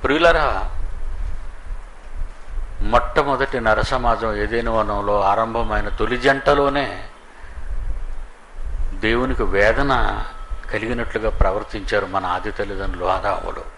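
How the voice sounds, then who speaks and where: A man's voice: fairly low pitch, a little slow, pauses often, fairly bright tone, slight background noise, rough recording. A man preaching a sermon, scolding and mocking as he acts out quoted people.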